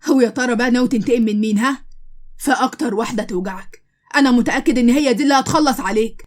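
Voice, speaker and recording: A woman's voice: fairly high pitch, very fast, lightly acted. A woman voicing a brusque, teasing young husband, with an Egyptian Arabic accent, in a storybook tale. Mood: threatening.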